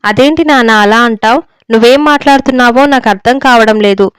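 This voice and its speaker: In a storybook reading, a woman voices a young daughter who is earnest and holds her ground. Her voice sits a little high and stays smooth and clear, and the recording is dry and close. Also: quick pace, no echo, natural voice. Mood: pleading. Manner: pleading, then firm and defiant.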